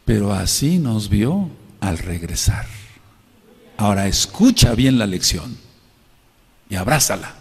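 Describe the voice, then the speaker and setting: A man's voice: on the low side, very animated, slow pace, pauses often, husky. Male pastor preaching in a hall. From Mexico. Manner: preaching with sudden loud outbursts and quiet storytelling. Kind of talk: sermon.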